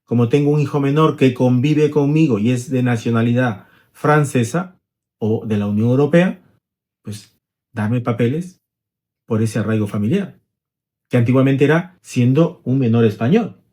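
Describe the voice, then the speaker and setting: A man's voice: mid-range voice, normal speed, dark tone. A middle-aged man, an immigration lawyer, explaining rules conversationally, walking through hypothetical examples and checking in with tag questions.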